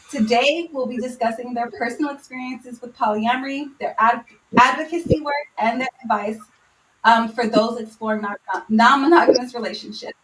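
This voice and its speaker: Woman hosting a podcast, kinda high voice, echoey room, sits back from the mic. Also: a bit bright, distant mic, slight background noise. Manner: reads a prepared intro with small stumbles. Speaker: podcast host.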